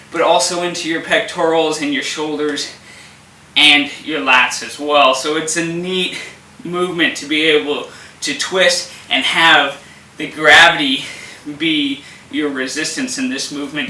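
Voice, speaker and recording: Bright-voiced man coaching core exercises. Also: on the high side, steady tone, unhurried, a little hiss or hum. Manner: instructive, upbeat, strained while exercising. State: effortful, straining. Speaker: fitness instructor. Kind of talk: exercise demonstration. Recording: echoey room from a distance.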